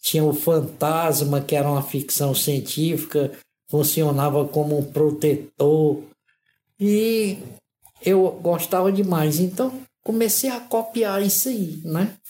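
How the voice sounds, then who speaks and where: In his 60s and hailing from Ceará, Northeast Brazil, this artist and modeler tells his life story to an interviewer in a slow, reflective manner. He speaks thoughtfully, often using the tag "né?". His warm voice sits on the high side, recorded with a roomy echo.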